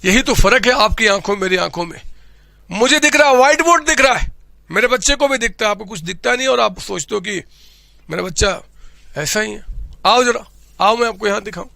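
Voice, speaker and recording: A man lecturing on accounting with a high, gravelly voice that has a bright edge. He jokes and boasts, keeps checking that his students follow, and is recorded close and dry. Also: lively intonation, fairly quick, no echo. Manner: playful, boastful teacher who keeps checking the class understands. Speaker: accounting teacher. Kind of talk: humorous classroom lecture.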